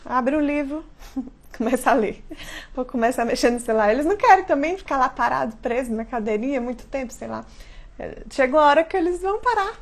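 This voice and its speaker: High-voiced Brazilian mother giving parenting advice. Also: lively intonation, fast. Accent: Brazilian Portuguese. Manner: earnest, emphatic, often checks in with "né?". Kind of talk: live-stream talk to viewers.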